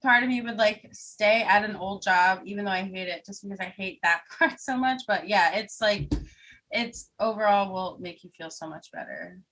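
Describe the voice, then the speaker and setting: A woman's voice: medium pitch, normal speed, a bit bright, poor audio. A young woman, chatting casually as an interview guest, laughing often and full of fillers. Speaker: singer and keyboard player, guest.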